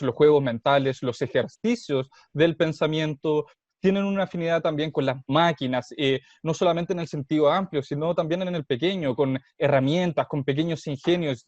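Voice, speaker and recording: A man from Chile, a co-host explaining a tabletop roleplaying game in a thoughtful, measured way with some hesitation. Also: fairly high pitch, a little mellow, no room sound. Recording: dull, dry, muffled sound.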